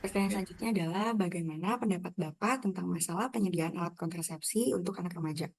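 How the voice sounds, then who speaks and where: A woman's voice: fairly low pitch, quick pace, darkish tone, slight background noise. A young woman student interviewing an official, polite and hesitant with fillers. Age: young adult. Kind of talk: casual interview questions.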